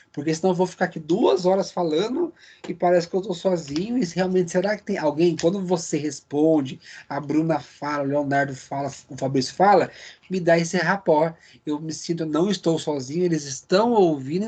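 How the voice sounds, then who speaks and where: A man's voice: a little high, darkish tone, breathy edge. A man teaching a live online class, speaking conversationally and checking in with his students by name over a video call.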